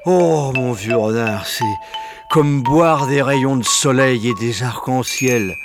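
A man's voice: medium pitch, moderate pace, loud music behind the voice, pitched above the performer's own voice, close to an everyday voice. Man doing a hearty old badger. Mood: hearty, delighted. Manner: hearty, exclaiming. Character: jovial old badger, cider lover.

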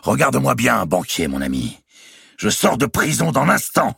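A man voicing a brash, mocking giant of a royal nobleman, loud and bellowing in an audiobook reading. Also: deep voice, very animated, normal speed, gravelly, husky, dry recording, studio quality, pitched above the performer's own voice, full character voice. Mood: roaring.

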